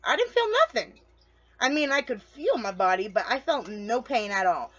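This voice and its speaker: A woman's voice: a little high, sing-song, normal speed, fairly bright tone, dull audio. Chatty rambling woman vlogger. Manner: rambling, loses her train of thought; chatty, addresses viewers directly. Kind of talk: casual storytelling to camera.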